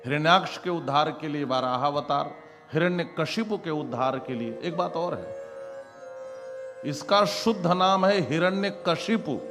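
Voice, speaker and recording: A man with a fairly high voice preaches through a devotional story, acting out its characters with dramatic, exclamatory delivery. His voice rings with a long hall reverb. Instrumental music plays clearly behind him. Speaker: Bhagavat katha preacher.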